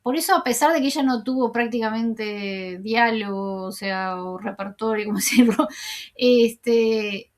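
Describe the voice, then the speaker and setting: High-voiced woman recapping TV scenes. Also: unhurried. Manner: rambling, many fillers and self-corrections. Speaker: TV series commentator.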